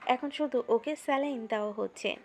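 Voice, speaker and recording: Higher-pitched woman narrating romantic fiction. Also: normal speed. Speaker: story narrator. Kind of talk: scripted narration of a romantic story.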